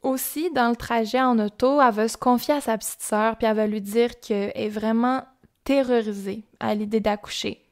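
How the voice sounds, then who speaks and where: A woman's voice: a little high, fairly even intonation, normal speed. A young woman with a Québécois accent casually telling a true-crime story on a podcast, chatty and informal with asides. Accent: Québécois French.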